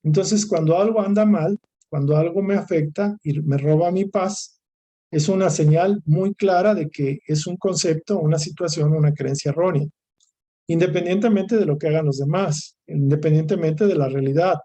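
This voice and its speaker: A man with a Mexican Spanish accent lectures through a course session, piling up lists of near-synonyms and restarting his phrases. His voice sits a little high for a man and has a mellow, soft-edged tone. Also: moderate pace. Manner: discursive, repeats and lists words, restarts phrases. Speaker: course instructor.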